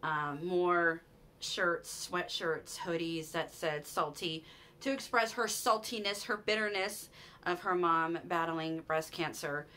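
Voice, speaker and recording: Bright-voiced chatty American woman vlogger. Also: fairly low pitch, slow pace. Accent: American, Utah. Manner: chatty and enthusiastic, with frequent restarts and "you guys". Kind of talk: casual haul chat to camera. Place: small room at home, in front of a curtain.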